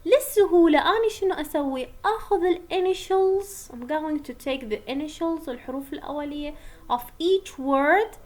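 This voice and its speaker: High-voiced Iraqi woman lecturing. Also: measured pace, darkish tone. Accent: Iraqi Arabic. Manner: mixes Arabic and English, explaining step by step. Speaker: university lecturer. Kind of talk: online linguistics lecture.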